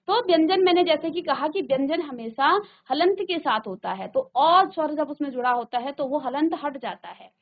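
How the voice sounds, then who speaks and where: A woman teaching a Hindi grammar lesson in a virtual classroom. She asks the students questions, answers them herself, and slows down to stress the example words. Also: sits high, animated, phone-quality sound.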